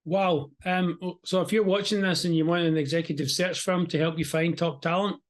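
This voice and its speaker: A man's voice: a little high, fairly even intonation, brisk. A man with a strong Scottish accent, hosting a conversational interview. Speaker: interview host.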